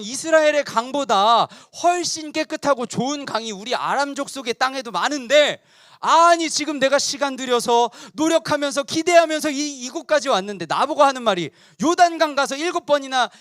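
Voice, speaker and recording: A man's voice: very high-pitched, animated, moderate pace, pushed and bright, no room sound, studio quality, full character voice. A man voicing a proud male army general who scoffs in indignant outbursts, in a children's Bible story.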